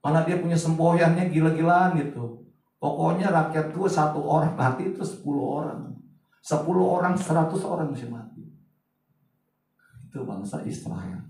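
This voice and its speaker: Pastor preaching in an echoey hall. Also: male voice, fairly high pitch, moderate pace, distant mic. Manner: chatty, swings from loud to hushed asides. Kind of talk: sermon. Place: large church hall.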